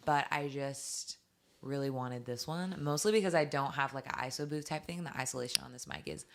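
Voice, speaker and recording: Very low-voiced young woman, chatty. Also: brisk, vocal fry. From West Tennessee. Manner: chatty, fillers like "like", animated storytelling. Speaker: singer-songwriter guest. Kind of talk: casual podcast conversation. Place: small bedroom home studio. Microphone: studio condenser mic.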